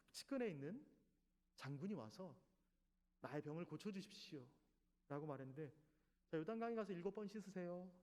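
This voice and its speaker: High-voiced pastor preaching in a hall. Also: male voice. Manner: lively preaching, acting out quoted prayers and God's replies in changed voices. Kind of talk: sermon. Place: church chapel. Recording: reverberant church hall.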